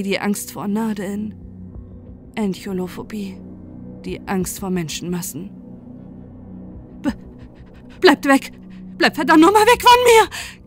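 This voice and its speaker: A woman narrating a first-person horror audiobook in a measured, dramatic storytelling manner. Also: medium pitch, a little mellow. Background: faint music.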